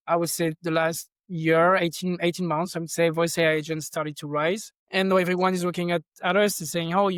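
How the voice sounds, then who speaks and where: A middle-aged Frenchman with a French accent, a tech company founder appearing as a podcast guest, talks casually and thoughtfully. His voice is on the high side, a bit bright, clear, and resonant, with no echo, and he rambles with frequent restarts.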